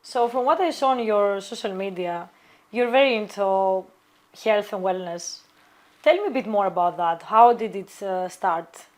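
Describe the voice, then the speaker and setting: Measured woman hosting an interview. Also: medium pitch. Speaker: interview host. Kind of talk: interview questions.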